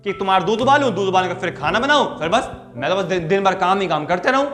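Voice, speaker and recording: A man's voice: sits high, animated, fast talker, a bit bright. A man voicing a nagging, overworked mother who complains about her chores and scolds her son. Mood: complaining. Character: scolding busy mother, middle-aged woman.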